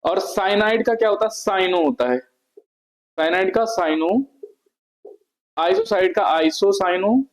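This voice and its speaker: A man's voice: high voice, moderate pace, rough recording. A man teaching a chemistry lesson in Hindi at a board, repeating each term and asking and answering his own questions. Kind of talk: board lecture to students.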